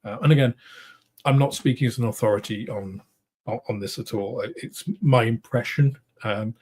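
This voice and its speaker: A middle-aged man with a British accent, hosting a casual livestream, answering viewers in a rambling, thoughtful way with many pauses and restarts. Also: medium pitch, a little mellow, husky. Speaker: host of a model-making livestream. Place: home studio room.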